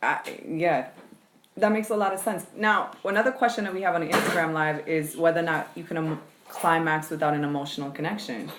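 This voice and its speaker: A woman's voice: low-pitched, fairly even intonation, fairly quick, roomy sound, background noise. A woman hosting a casual podcast chat, asking probing, frank questions. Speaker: podcast host.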